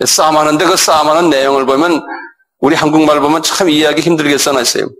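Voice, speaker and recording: A middle-aged man preaching a sermon as pastor, animated and acting out scolding dialogue, often asking his listeners for assent. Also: fast talker, rough recording. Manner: animated, acts out dialogue with sudden raised pitch.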